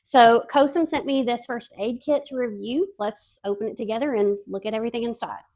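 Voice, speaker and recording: A woman's voice: fairly high pitch, brisk, a little mellow. A middle-aged woman giving a casual, friendly product review in a conversational, explanatory way.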